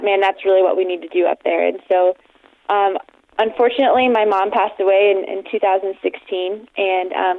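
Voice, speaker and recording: A woman's voice: mid-range voice, no room sound. Young woman over a tinny phone line. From Colorado. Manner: earnest, steady, with frequent "um"s. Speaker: phone-in guest, head of a charity. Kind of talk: phone interview.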